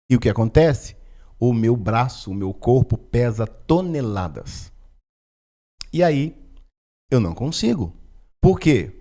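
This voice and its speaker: Pastor with a mellow voice. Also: male voice, a little high, gravelly. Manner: conversational, frequent "né?" and "tá?" tags. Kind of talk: casual video teaching on spiritual topics. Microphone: microphone in front of him.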